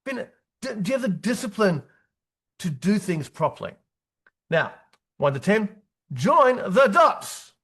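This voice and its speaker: A man in his fifties delivers a motivational business talk with a fairly high voice. He speaks in short, punchy bursts, repeating key words and tossing in "right?" to keep the audience engaged. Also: very animated, normal speed, long pauses, slightly rough. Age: 50s. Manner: punchy, repetitive, tag questions like "right?". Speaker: business coach presenting his book. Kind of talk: motivational presentation to accountants.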